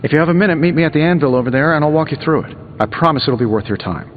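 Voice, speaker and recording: A man's voice: fairly high pitch, animated, phone-quality sound, a little hiss or hum, natural voice. A man voicing a cocky, wisecracking inventor superhero in a video game, glib and sarcastic. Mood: playful, sarcastic. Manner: glib, sarcastic, quick-witted. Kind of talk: video game dialogue acting.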